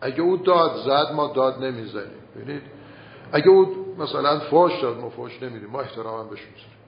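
A man giving a conversational sermon as a cleric, asking rhetorical questions and swinging between soft and loud. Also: medium pitch, animated, vocal fry. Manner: conversational preaching, rhetorical questions, shifting loudness. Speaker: cleric giving a religious talk. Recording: roomy, slightly dull recording with faint noise.

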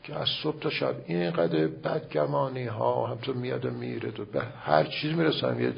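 An older male cleric preaches in a heavily gravelly, rough and husky voice, talking to his listeners in a relaxed, storytelling manner and repeating phrases for emphasis. The recording sounds somewhat dull and lo-fi. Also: mid-range voice. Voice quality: gravelly and raspy. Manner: conversational preaching with anecdotes and repetition. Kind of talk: sermon.

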